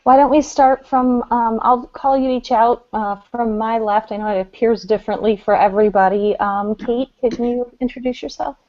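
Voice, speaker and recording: A woman's voice: fairly high pitch, fairly even intonation, moderate pace, few pauses. A woman casually hosting a live online session and handing over to participants. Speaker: host. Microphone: video call. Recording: dull lo-fi video call audio.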